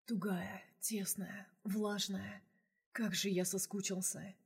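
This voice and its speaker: A woman voicing a confident male boss and lover, speaking in a husky, hushed whisper in an audiobook. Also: medium pitch, steady tone, moderate pace. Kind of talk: audiobook role reading.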